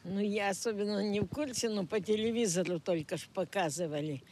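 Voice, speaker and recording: A man speaks hesitantly in a street interview, letting his sentences trail off. His voice sits somewhat high, with faint noise behind. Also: fairly quick, a little mellow. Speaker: passer-by.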